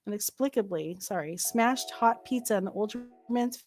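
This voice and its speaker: A woman's voice: mid-range voice, normal speed, darkish tone. Giggly woman co-hosting a podcast. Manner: giggly, playful. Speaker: podcast co-host. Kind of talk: casual chat.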